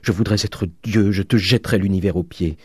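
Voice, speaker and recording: A man voicing a frail old father who cries out in a high, strained voice. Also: fairly even intonation, brisk, darkish tone, husky, no echo, studio quality. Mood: frantic.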